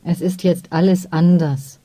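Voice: medium pitch, fairly even intonation, measured pace, dry recording, lightly acted. Eine gütige alte Frau mit mitleidigem, sanftem Ton, wie ein Vorleser sie spricht, die behutsam auf jemanden einredet. Trocken und nah aufgenommen, ohne Raumhall. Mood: eindringlich. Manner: soft, pleading. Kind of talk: audiobook character voice.

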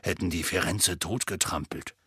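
A hulking, gruff half-giant groundskeeper, speaking slowly in a deep, grainy, husky rumble. His plain, folksy words come out with a sharp, bright edge. The sound is close and dry, like a storybook reading. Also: fairly even intonation, no room sound, heavily acted. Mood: grim gruff. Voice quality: gravelly, raspy. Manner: gruff, slow, folksy speech.

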